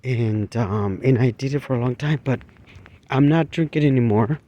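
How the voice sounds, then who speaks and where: A man talking casually to camera while walking outdoors, rambling and halting with many fillers and restarts. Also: medium pitch, dark tone, highs cut off. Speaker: vlogger. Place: outdoors, walking along a street.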